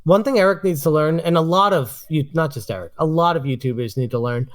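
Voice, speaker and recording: A man's voice: a little high, brisk. A man hosting a podcast, giving casual commentary and emphatically repeating his points. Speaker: podcast host.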